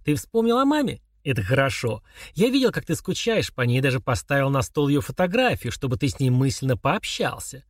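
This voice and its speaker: A man voicing a calm, mocking young man who chats casually while confessing murder to his father. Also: medium pitch, fairly quick, hardly any pauses, no room sound, clean studio sound. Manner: chummy, sneering, confessional tone.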